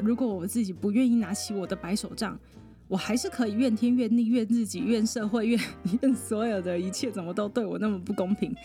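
Lively woman telling a story. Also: mid-range voice. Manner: lively storyteller, laughs often, mimics other people. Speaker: podcast guest, psychologist. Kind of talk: personal storytelling in a podcast interview.

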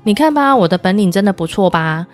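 A woman's voice: medium pitch, expressive, quick pace, faint music behind, natural voice. Woman doing a boastful big tiger. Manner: proud, blustering. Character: boastful strong male tiger, later furious.

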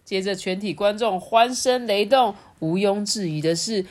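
A woman's voice: medium pitch, normal speed. A woman with a Taiwanese Mandarin accent and slightly slurred, non-standard pronunciation, telling stories and chatting expressively to children as a podcast host. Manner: expressive, addresses child listeners directly. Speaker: storytelling podcast host, mother. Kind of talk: children's storytelling and chat.

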